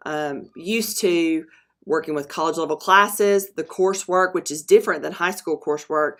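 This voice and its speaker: This is a woman narrating a screen recording as a school presenter. Her voice sits a little low for a woman, and she talks in a halting way, stopping for ums and fixing her own words as she goes. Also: a bit bright. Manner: halting, with frequent ums and self-corrections. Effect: narration recorded over a screen recording. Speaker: school dual enrollment presenter.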